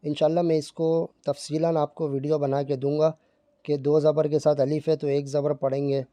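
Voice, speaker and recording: A man teaching Quran reading in Urdu, explaining patiently and reciting verses slowly. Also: fairly high pitch, warm tone, no room sound. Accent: Pakistani Urdu.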